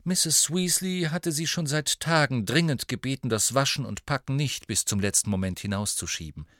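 A man narrating an audiobook in scripted, expressive storytelling. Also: medium pitch, moderate pace, no echo, clean studio sound.

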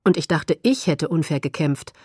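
A woman reading an audiobook, voicing a calm, tender young male vampire lover in a soft, low, gentle voice. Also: moderate pace, breathy edge, dry recording, studio quality.

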